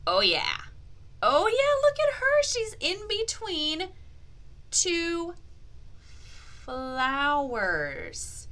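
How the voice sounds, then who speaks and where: A high-pitched, bright, forceful woman's voice guides young children through an interactive read-aloud language lesson. As their teacher and host, she keeps it playfully over the top and supportive, questioning them and drawing out key words.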